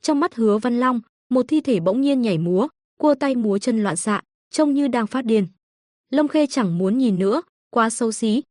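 A woman's voice: a little high, moderate pace, dry recording. Woman reading a novel, dry close sound. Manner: steady storytelling delivery. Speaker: audiobook narrator. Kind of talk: reading a web novel aloud.

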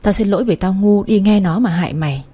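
A blunt, harsh elder sister who speaks with open scorn, as a woman narrator plays her. Her voice is husky and dark. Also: mid-range voice, fast, natural voice. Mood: bitter confession.

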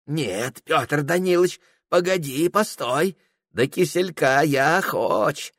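A man's voice: fairly high pitch, animated, takes it slowly, fairly bright tone, no echo, clean studio sound, pitched above the performer's own voice, heavily acted. A man voicing a gluttonous, jovial old village priest with a hearty, unctuous manner.

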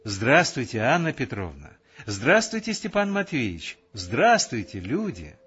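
A man voicing a lively, bossy young woman soldier who talks briskly and cheerfully. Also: medium pitch, lo-fi sound, a little hiss or hum.

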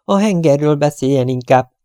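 A man's voice: on the high side, dark tone, smooth, no room sound, clean studio sound, voice pushed up, close to an everyday voice. Man doing a curt impatient young man.

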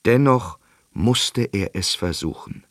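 A man's voice: on the low side, dry recording, clean studio sound. A man narrating a fairy tale for a radio story. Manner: slow, expressive storytelling.

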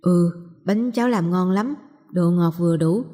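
A woman voicing a kind grown man in a storybook reading, speaking gently and reassuringly. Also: on the low side, unhurried, long reverb tail. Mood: gentle.

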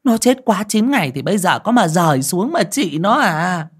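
A man voicing a fierce, bossy older village aunt who scolds loudly. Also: sits high, sing-song, normal speed, slightly rough, pitched above the performer's own voice, exaggerated voice. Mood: furious scolding. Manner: shouting, scolding.

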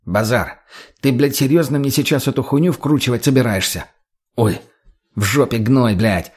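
A man's voice: mid-range voice, normal speed, breathy edge, lightly acted. A man voicing a crude, short-tempered drug addict thug who barks profanity bluntly. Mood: aggressive.

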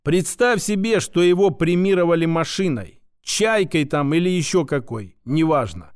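A man's voice: fairly high pitch, animated, moderate pace, clear, resonant tone, natural voice. A man voicing a sarcastic, abrasive plump female scientist who mocks and lectures. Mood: scornful. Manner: mocking, name-calling, lecturing.

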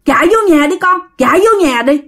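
Woman doing a booming protective spirit. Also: lively intonation, fairly quick, exaggerated voice. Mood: commanding. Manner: shouted commands, forceful. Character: unseen man's spirit, deep booming voice, protective.

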